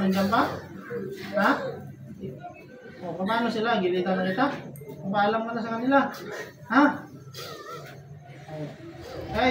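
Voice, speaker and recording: A faith healer grills a spirit during a deliverance session, stern and taunting, firing short demanding questions one after another. The voice sounds set back from the mic in an echoey room, with steady noise underneath. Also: mid-range voice, far from the mic.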